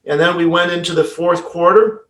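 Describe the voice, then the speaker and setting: A man telling a motivational story as a keynote speaker, acting out the dialogue with dramatic hushed moments. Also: sits high, steady tone, moderate pace. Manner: dramatic, acts out quoted dialogue, drops to hushed tones. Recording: echoey room from far off.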